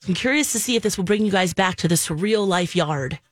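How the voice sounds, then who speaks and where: Lively woman chatting on morning radio. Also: lowish voice, quick pace, no echo, studio quality. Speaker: morning radio show co-host. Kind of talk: casual radio chat. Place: dry radio studio.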